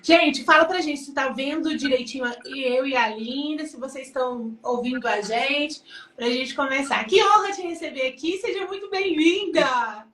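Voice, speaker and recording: A Brazilian woman hosting a live-stream devotional chat, animated and affectionate. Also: high voice, normal speed. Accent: Brazilian Portuguese. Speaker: host. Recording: echoey room.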